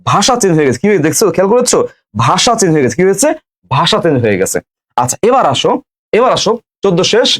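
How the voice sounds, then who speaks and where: A man's voice: high voice, big pitch swings, very fast. A young man teaching a live online grammar class, repeating each question and answer as he quizzes students.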